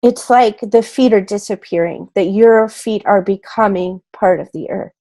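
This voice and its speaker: Her voice at a middle pitch, a woman guides listeners through meditation. The delivery is soft, calming and unhurried, with short phrases separated by pauses.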